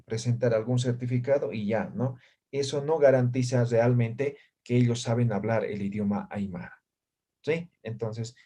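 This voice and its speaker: A man's voice: mid-range voice, dark tone. A man teaching an introductory language class, who keeps checking in with his students through short tag questions. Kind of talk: classroom lecture.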